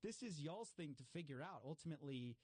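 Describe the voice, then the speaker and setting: A man talking casually and explaining at length, animated, with frequent fillers and restarts. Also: fairly high pitch, fairly quick, no echo.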